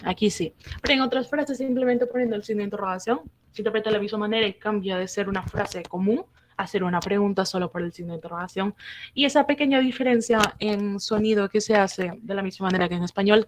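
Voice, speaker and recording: A woman teacher giving an online language lesson, explaining patiently and repeating key phrases slowly. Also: medium pitch, noisy background.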